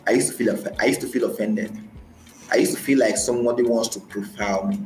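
Here a Nigerian man with a Nigerian accent talks fast as a podcast guest, recounting personal experiences in an interview and often repeating phrases for emphasis. His voice is low-ish and darkish in tone, with fairly even intonation. Roomy echo and faint music are present.

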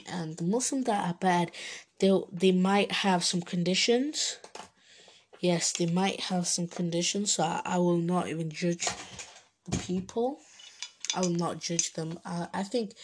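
An eighteen-year-old woman from Bangladesh, hosting her own casual podcast. She rambles, hesitates and restarts her sentences often. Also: fairly low pitch. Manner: chatty, informal. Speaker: podcast host. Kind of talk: casual solo podcast monologue.

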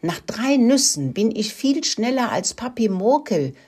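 A woman's voice: a little high, big pitch swings, unhurried, a little mellow, breathy edge, voice pushed up, full character voice. A woman voicing an eager little boy mouse in a children's audio story. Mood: boastful.

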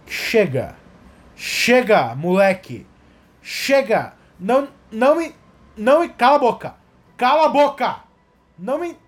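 A man voicing a strict, furious middle-aged father who yells repetitive scoldings at his son. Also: sits high, sing-song, extremely slow, long pauses, husky, exaggerated voice.

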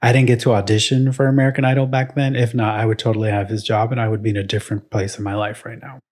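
Husky-voiced young man hosting a podcast. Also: on the low side, little pitch movement, fast talker, a little mellow. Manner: playful quiz-master banter. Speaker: podcast co-host. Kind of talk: casual chat.

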